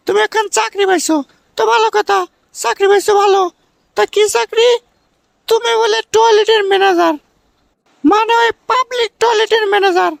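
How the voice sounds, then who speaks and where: Woman voicing a squeaky, scolding young sweetheart. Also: creaky, dry recording, full character voice. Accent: Bangladeshi regional. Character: scolding young village sweetheart, nagging and dismissive. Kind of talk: comic cartoon dialogue in colloquial dialect. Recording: music under the voice.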